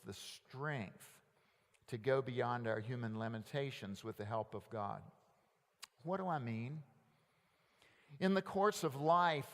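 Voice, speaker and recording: A man delivers a sermon from the pulpit. His voice sits fairly high and carries a long reverb through the large sanctuary. He poses rhetorical questions and leads call-and-response, often softening to a low, quiet tone on refrains. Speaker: pastor.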